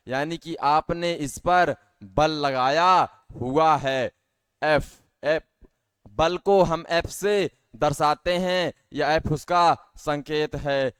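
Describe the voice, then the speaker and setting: A man's voice: on the high side, clean tone, no room sound. A male teacher giving a science lesson to schoolchildren, patiently asking questions and answering them himself, often calling them dear children.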